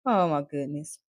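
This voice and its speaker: A woman streamer with a deep voice rants live, heated, profane and mocking, throwing scornful laughs straight at her viewers. She is confrontational and addresses her audience directly. The audio is studio quality with no room sound.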